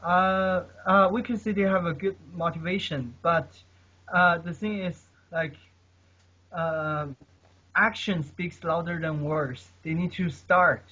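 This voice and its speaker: Speaking slowly in a high, pushed, bright voice with fairly even intonation, a man who is a polyglot and the guest offers sincere tips on learning languages. He chats casually, packs in fillers, and keeps tagging lines with "okay?" The recording is dull and lo-fi.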